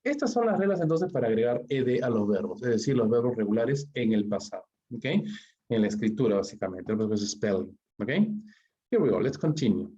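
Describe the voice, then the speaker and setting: A Peruvian man teaching an exam-prep English lesson, who explains step by step, keeps checking in with his students and reads his English example sentences slowly. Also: on the low side, lively intonation, warm tone, breathy edge, highs cut off. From Peru. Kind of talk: online exam-prep lecture.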